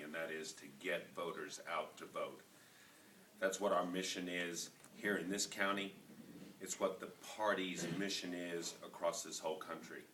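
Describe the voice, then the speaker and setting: A man, a county party chairman giving a fervent campaign speech that builds to loud, emphatic peaks. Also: low voice, far from the mic. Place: large room at a public forum. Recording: echoey hall, picked up from afar, faint noise.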